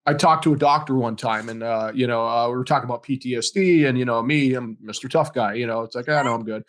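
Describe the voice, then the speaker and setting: A man's voice: mid-range voice, fast talker. Storytelling male podcast host. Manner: storytelling, acts out quoted dialogue, laughs often. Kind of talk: casual interview conversation.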